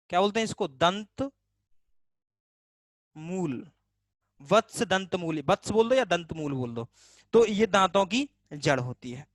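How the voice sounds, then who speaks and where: A man's voice: sits high, fairly bright tone, no room sound. A male teacher gives a casual online grammar class, asking the class questions and answering them himself, repeating key terms to drill them. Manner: casual and chatty.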